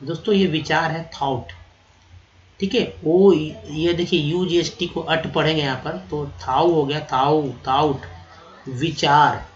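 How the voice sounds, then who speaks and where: A man teaching vocabulary, spelling words out letter by letter, repeating them slowly and calling his viewers friends. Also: a little high, fairly even intonation, muffled recording. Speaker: English teacher. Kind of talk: vocabulary lesson.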